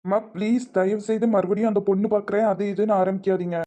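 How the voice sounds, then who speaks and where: A woman voicing a caring, earnest young man in love in a cartoon, speaking gently with a Kanyakumari Tamil accent. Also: mid-range voice, steady tone, quick pace, natural voice. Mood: pleading. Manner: gentle, reassuring, soft-spoken. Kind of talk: cartoon voice acting.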